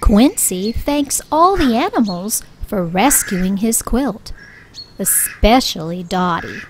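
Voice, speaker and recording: A woman reading a children's picture book aloud with clear, expressive storytelling. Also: medium pitch, slow pace, a little hiss or hum. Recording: soft music bed underneath.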